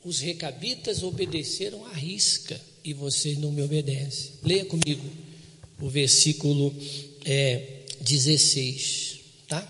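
A man preaches a sermon with a high-pitched voice. He reads scripture slowly, repeats his words and keeps calling on his listeners to answer. His voice rings out in a long hall reverb. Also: pushed and bright, slight background noise. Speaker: pastor. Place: church broadcast on radio.

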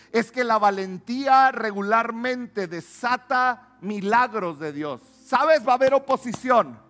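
A man preaching a sermon, swinging between loud emphatic calls and low hushed asides.

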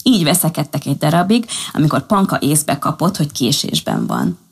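A woman reading a children's story aloud in a calm, even manner. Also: deep voice, vocal fry, slightly rough.

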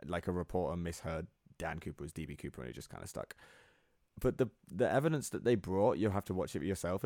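Low-voiced man in rambling podcast chat. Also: a little mellow, no echo, studio quality. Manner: rambling, laughs easily. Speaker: podcast co-host. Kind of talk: casual chat.

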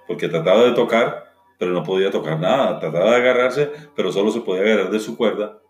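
A man with a lowish voice tells a parable dramatically and then exhorts his listeners. The room is echoey, and faint music runs underneath. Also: fast talker. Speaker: motivational speaker. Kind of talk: storytelling with a moral.

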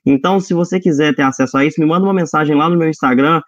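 A man speaking over a low-quality online video call, earnestly urging teachers to adapt. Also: very fast, no echo. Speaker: teacher giving a webinar talk. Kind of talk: earnest webinar advice to teachers. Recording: dull lo-fi dry video-call stream.

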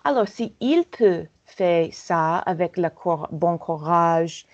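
Woman, American accent, native English speaker, slow and hesitant, lower voice, muffled lo-fi sound. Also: animated. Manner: hesitant, searching for words, many fillers. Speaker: language learner guest. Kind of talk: halting conversational French. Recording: dull lo-fi audio.

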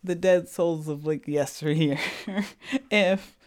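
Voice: medium pitch, fairly even intonation, slow pace. A co-host of a casual recap podcast, playful and giggly, tossing out theories.

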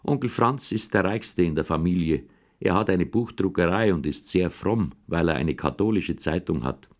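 A man's voice: sits low, lively intonation, normal speed. A man narrating a humorous first-person boyhood story as an audiobook reader. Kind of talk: scripted narration.

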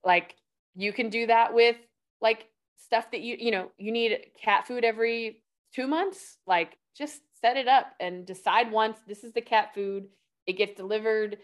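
A woman's voice: a little high, measured pace. A woman guest on a podcast, talking casually with lots of filler words as she shares life tips. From California. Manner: chatty, loose, heavy on "like" fillers. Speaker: guest, life-hacks coach.

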